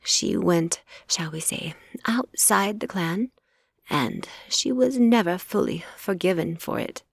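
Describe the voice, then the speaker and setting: A woman voicing a sly, cruel old witch in an audiobook who speaks in a measured, mocking tone. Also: fairly low pitch, animated, gravelly, husky, no echo, clean studio sound, full character voice.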